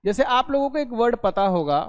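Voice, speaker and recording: A man teaching a basic language class in a video lesson. He explains slowly, drawing out sounds and checking in after each point. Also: extremely high pitch, big pitch swings. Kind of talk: online class lecture. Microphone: recorded for a video lesson.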